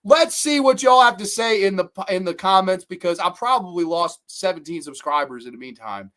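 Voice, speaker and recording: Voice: mid-range voice, lively intonation, moderate pace, a bit bright. Live-stream movie reviewer, casual and profane, gushing, restarts often, reads chat aloud. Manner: enthusiastic, profane, rambling, with frequent restarts; reads viewer comments aloud. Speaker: movie review show host.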